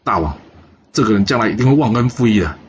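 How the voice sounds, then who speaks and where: A hot-tempered male court minister, as a storyteller puts him on, urging his king with an insistent, pressing tone. The voice sits low, and the recording sounds slightly muffled with a faint hiss under it. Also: lively intonation, fast, close to an everyday voice. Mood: indignant.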